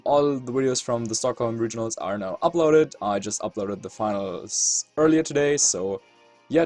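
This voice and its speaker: A man's voice: mid-range voice, darkish tone, no echo. German-accented man thinking aloud over gameplay. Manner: thinks aloud, weighing moves. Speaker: competitive video game player and channel host. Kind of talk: casual gameplay commentary.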